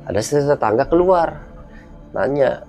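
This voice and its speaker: A man's voice: on the high side, unhurried, soft background music. A man telling a personal story in casual speech, acting out the dialogue as he goes. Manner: vivid, animated retelling with quoted dialogue.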